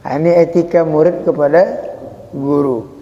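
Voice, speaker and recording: A man over forty giving an informal religious study talk, chatty and joking, acting out greetings slowly. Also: fairly high pitch, fairly even intonation. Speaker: religious teacher. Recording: dull echoey hall.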